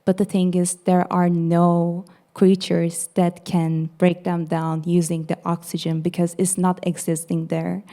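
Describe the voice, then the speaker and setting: A woman's voice: fairly low pitch, flat delivery, a little slow, hardly any pauses, warm tone. A woman in her twenties with a Turkish accent, presenting her student project to an audience in an earnest, explaining way. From Turkey. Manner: earnest, explanatory, many "actually". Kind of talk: casual presentation.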